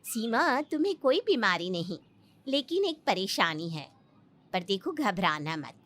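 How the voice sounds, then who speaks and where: A woman voicing a gentle cartoon doctor. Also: medium pitch, very animated. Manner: gentle, measured, reassuring. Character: calm doctor giving careful news.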